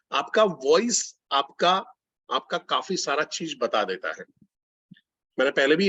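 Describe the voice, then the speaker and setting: A man's voice: on the high side, a bit bright, slightly rough, dry recording. A man running an online sales training session, coaching listeners directly and repeating key phrases.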